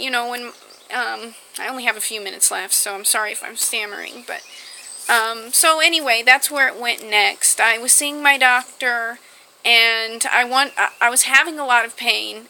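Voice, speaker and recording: A young woman vlogger telling her personal health story to the camera, halting often with fillers and restarts. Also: a little high, pushed and bright, slight background noise, poor audio.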